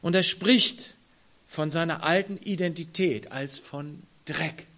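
A man preaching a sermon who speaks straight to his congregation, dropping to near-whispers and then rising to loud, emphatic phrases. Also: a little high, takes it slowly. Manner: addresses the congregation directly.

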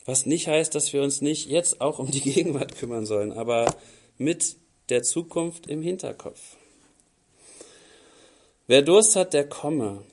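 A man's voice: medium pitch, normal speed, a little mellow, slight background noise. A man preaching a sermon, who reads scripture aloud and then comments on it casually, repeating words for emphasis. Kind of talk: sermon reading and explaining scripture.

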